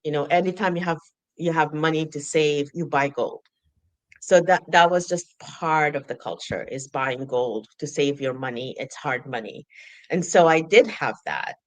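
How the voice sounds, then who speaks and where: A woman from Sudan chatting casually on a podcast, animated, laughing often and acting out her own thoughts. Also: low voice, no room sound. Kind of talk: casual conversation.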